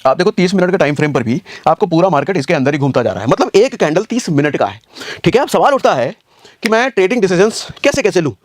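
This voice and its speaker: A man with a high, widely swinging voice talks fast in a clean studio recording with no room sound. He's a trading teacher giving a casual screen-share lesson, walking through each step, calling viewers "brother," and restating his points through rhetorical questions.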